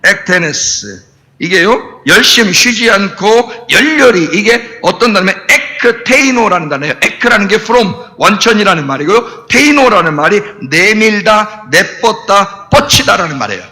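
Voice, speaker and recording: A man preaching a sermon as pastor, animated, jumping between shouts and low asides and quizzing the congregation. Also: moderate pace, in a large hall. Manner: explains Greek words, asks the congregation questions. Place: church.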